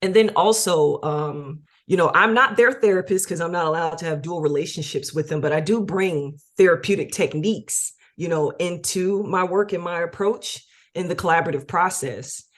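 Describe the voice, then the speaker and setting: A woman's voice: lowish voice, moderate pace, hardly any pauses. A woman, a music executive producer, talking casually as an interview guest, with lots of fillers and easy laughter. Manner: chatty, many fillers, laughs easily.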